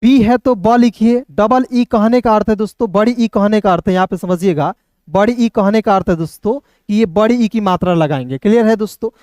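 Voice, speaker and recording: A male teacher giving a pronunciation lesson, spelling out words slowly and checking often that students follow. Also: high-pitched, darkish tone, no echo. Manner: repeats words slowly, often says "dosto" and "clear hai". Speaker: English teacher.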